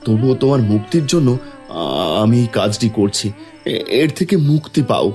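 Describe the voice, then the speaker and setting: A man's voice: medium pitch, expressive, unhurried, a little mellow, soft background music, natural voice. A man playing a kind, anxious, determined woodcutter father, earnest and a little hesitant, in a fairy-tale cartoon.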